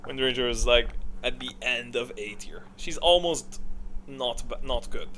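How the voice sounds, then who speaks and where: A video creator ranks game voice lines in a casual, rambling tier list, thinking aloud and frequently answering his own questions. His medium-pitched voice has a sharp tone and a measured pace. The audio is poor, with clear background noise.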